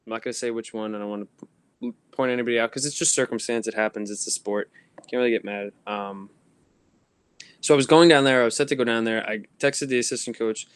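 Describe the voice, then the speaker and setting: A man's voice: mid-range voice, steady tone, fast talker, smooth, dry recording. Rambling young man on a dry mic. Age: young adult. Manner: rambling, laughing storyteller with many ums. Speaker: podcast co-host. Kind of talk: casual chat. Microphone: phone.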